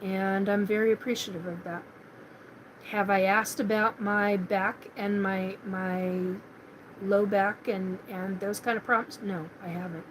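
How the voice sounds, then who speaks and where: Slow-talking woman on a live chat. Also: mid-range voice, fairly even intonation, slight background noise, rough recording. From Washington State, US. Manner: rambling, many fillers and restarts. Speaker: host of a live paranormal chat show. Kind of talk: casual live-stream monologue.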